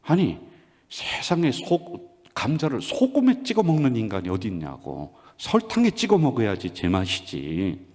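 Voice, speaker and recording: A man's voice: medium pitch, huge pitch swings, moderate pace, a little mellow. A man doing an exasperated protesting wife. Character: indignant young wife quarreling with husband. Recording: long church reverb.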